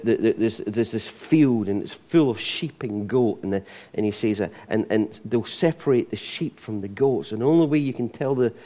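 A middle-aged Scottish pastor preaches a sermon in a low, warm voice, his loose, conversational speech marked by restarts and repeated words.

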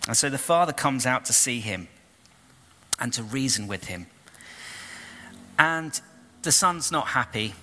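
A man preaches in a church, retelling the story at an unhurried pace. His voice is bright and forward. A long hall reverb follows every phrase. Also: medium pitch. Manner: storytelling, expressive retelling with questions to the congregation. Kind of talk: sermon.

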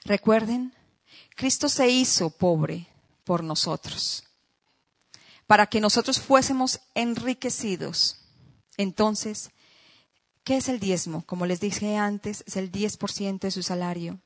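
A woman's voice: mid-range voice, takes it slowly. Woman preacher delivering an emphatic sermon. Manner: emphatic, repeats phrases, checks in with listeners. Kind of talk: sermon with rhetorical questions to the congregation.

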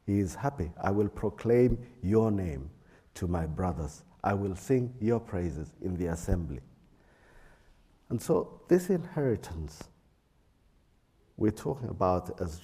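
A man with a low, very dark voice delivers a sermon slowly, pausing between phrases as he reads scripture. His tone is husky. The sound is drenched in a big hall's echo. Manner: slow, measured preaching with pauses and fillers. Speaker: preacher. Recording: echoing hall reverb.

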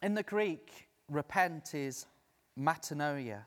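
A man preaching a sermon as a lively storyteller who acts out the voices of the people he quotes. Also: on the high side, slow pace. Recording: long reverb of a large hall.

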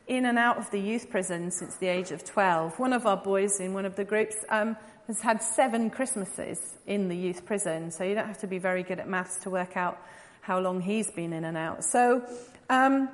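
Speaking to a church congregation as a missionary, a mid-range-voiced Englishwoman in her forties keeps things informal and chatty. Her talk is dotted with ums and gentle laughing remarks, echoing with the long reverb of a big hall.

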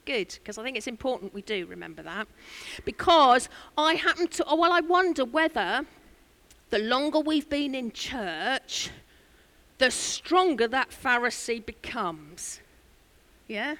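A woman pastor preaching a sermon in a church, telling a story with lively asides and questions to the congregation. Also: sits high, a little slow.

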